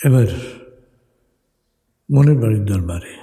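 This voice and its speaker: Very mellow, reverberant male meditation guide. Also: lowish voice, lively intonation. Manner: slow, soothing, measured instruction with pauses. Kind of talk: guided meditation, hypnotic countdown. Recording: long hall reverb over music. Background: music.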